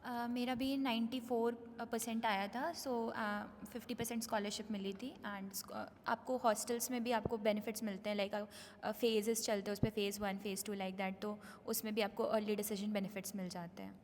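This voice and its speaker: A woman's voice: mid-range voice, little pitch movement, normal speed, hardly any pauses, a little hiss or hum. A young woman in her twenties from Uttar Pradesh, a third-year student speaking articulately in a casual interview, mixing Hindi and English. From Uttar Pradesh, India. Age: 20s. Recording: echoey room with faint ambience.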